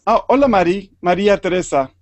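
A man's voice: high-pitched, fairly quick, no echo. A man from Argentina with an Argentine Spanish accent, teaching an online group lesson and patiently repeating words for learners.

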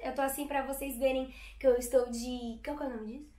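Young female host, high bright voice, playful casual banter, echoey room. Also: level tone, fast talker. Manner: bubbly and teasing. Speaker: voice actress and channel host. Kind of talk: casual chat.

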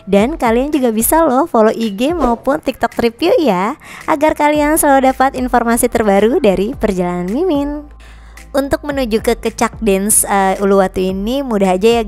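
A woman's voice: medium pitch, darkish tone. Chatty woman travel vlogger. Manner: chatty, addresses viewers as guys. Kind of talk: travel vlog voice-over narration.

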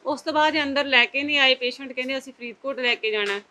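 A Punjabi woman from the hospital staff answers a reporter's questions defensively. Her voice is high and bright, and she turns aside every charge. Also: fast. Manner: defensive, denying.

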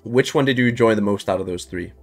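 A man's voice: lowish voice, fast, faint music behind. Laid-back man streaming a game. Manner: loose and chatty, swears, laughs often, many restarts. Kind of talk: casual live-stream game commentary.

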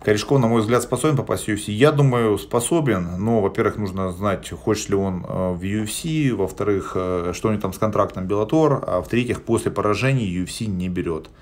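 A man in his forties speaks briskly, with few pauses, in a voice on the low side. He's live-streaming from a small indoor room, answering viewer questions bluntly and plainly with frequent hesitation sounds, his phone held at arm's length.

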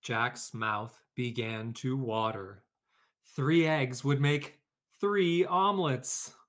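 A man's voice: mid-range voice, slow, fairly bright tone. A man hosting a read-aloud for children, talking informally and explaining things, or reading a storybook. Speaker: educator, read-aloud host.

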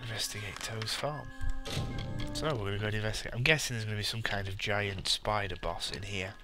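British man, lowish voice, casual gameplay commentary, dry asides, clear music behind. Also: fairly even intonation, brisk. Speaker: gamer, let's play host. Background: game music.

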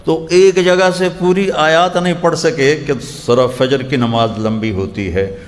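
A man preaching a religious sermon, telling stories and slowing down to recite quotations in short repeated phrases. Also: fairly high pitch, fairly even intonation. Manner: storytelling, slows down to recite quotations. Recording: long hall reverb.

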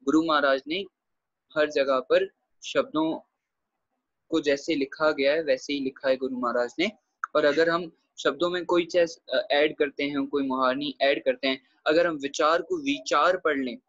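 A man's voice: fairly high pitch, fairly bright tone, no room sound, muffled recording. A man teaching a grammar lesson over a video call, explaining patiently and checking in often with his students. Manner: explains patiently, checks with frequent "theek hai".

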